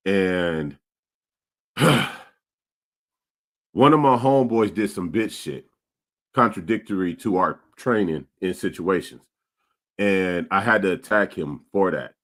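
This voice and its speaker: A low-pitched, slightly bright male voice, expressive and slow with frequent pauses. He's a podcast co-host in his forties from Stockton, California, telling street stories on a casual show and reading live chat comments aloud. His manner is streetwise and storytelling, and he repeats himself.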